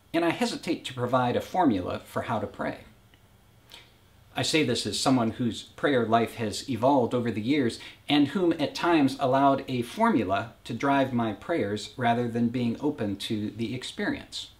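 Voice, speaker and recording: A man preaching a reflective, personal sermon in a measured way, as pastor of a faith community. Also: medium pitch.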